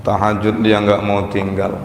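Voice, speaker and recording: A man preaching to a women's study group, animated and often rising to shouts, drawing out recited prayers slowly and asking his listeners direct questions. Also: on the low side. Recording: roomy hall reverb with faint background noise.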